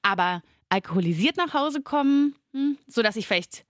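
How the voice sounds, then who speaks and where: A woman's voice: on the high side, normal speed, no room sound. Woman telling stories, dry close sound. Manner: lively anecdotal storytelling, many fillers. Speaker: podcast co-host. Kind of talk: casual chat.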